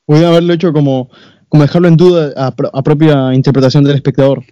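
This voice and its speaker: Young man, mellow voice, measured analytical film chat, dry lo-fi recording. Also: fairly high pitch, flat delivery, no echo. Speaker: co-host reviewing a film. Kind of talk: casual film review chat. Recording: dull, dry, lo-fi sound.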